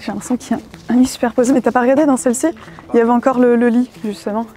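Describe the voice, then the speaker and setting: Young woman, urbex vlogger, chatty and excited, hushed at times, outdoors, handheld camera. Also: fairly high pitch, very fast. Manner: excited, chatty, often hushed while exploring. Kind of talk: casual vlog narration with sponsored segment. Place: outdoors at an abandoned resort.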